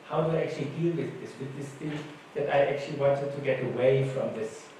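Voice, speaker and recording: This German man, whose native language is German, speaks fairly quickly in a mellow, mid-range voice. He's a panelist recounting anecdotes casually during a conference talk. The recording, made in an echoey conference hall with a distant mic, has faint noise.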